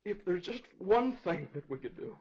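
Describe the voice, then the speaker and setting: A man's voice: high-pitched, very animated, moderate pace, husky, highs cut off, heavily acted. An actor playing a young lawyer and frantic father, pleading urgently in 1930s film style. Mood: desperate. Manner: urgent, pleading, breaking into shouts.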